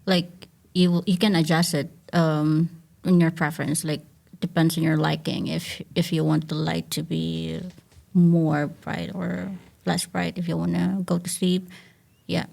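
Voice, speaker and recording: A young student from the Philippines discussing preferences casually, earnest and full of fillers. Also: male voice, fairly high pitch, flat delivery, a little slow, vocal fry, darkish tone. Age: young adult. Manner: earnest, uses many fillers like "like". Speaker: student panelist.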